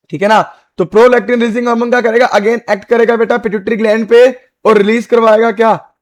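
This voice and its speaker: High-voiced man drilling biology terms. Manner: repetitive call-and-response questioning, calls students beta and bhai; drills terms by repeating them slowly. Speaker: biology teacher. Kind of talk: exam-prep lecture.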